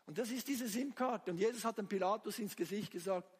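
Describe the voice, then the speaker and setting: A man's voice: sits high, a little fast, slightly rough. A man preaching a sermon with fervor, firing rhetorical questions at the congregation. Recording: long hall reverb.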